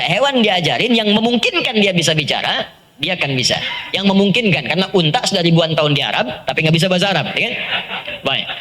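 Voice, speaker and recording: Animated, bright-voiced male preacher. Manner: animated, addressing the audience directly, sudden high-pitched emphasis. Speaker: Islamic preacher. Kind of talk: lively religious lecture.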